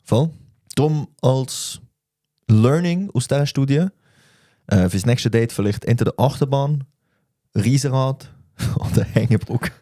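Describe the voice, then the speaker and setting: A man with a Swiss German accent, co-hosting a podcast, explaining quickly and tossing in jokes. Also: medium pitch, warm tone, dry recording, studio quality. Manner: quick, joking asides. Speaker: podcast co-host. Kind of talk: casual chat.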